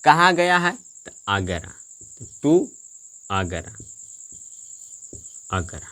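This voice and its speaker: Slow teacher. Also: male voice, medium pitch, very animated, fairly bright tone. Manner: repetitive questioning, answers own questions; slow, drawn-out delivery. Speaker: English teacher. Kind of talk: classroom grammar lesson.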